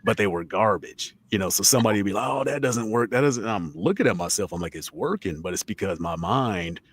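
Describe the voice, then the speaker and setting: Man, forties, podcast host, casual, cussing, low pitch, animated. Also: a little fast, husky. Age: 40s. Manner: loose and joking, swears casually; friendly banter with co-host and chat. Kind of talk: casual chat, reading viewer comments.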